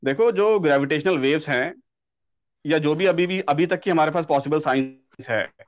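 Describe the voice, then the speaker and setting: A man's voice: a little high, normal speed, muffled recording. A man debating online, explaining his view earnestly and defending it. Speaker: debate guest.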